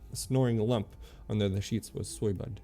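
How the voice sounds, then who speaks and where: Reading game lore aloud during a stream, a man with a low, gravelly voice keeps a steady, mellow and dark tone. He reads haltingly, tripping over the words and fixing his mistakes along the way.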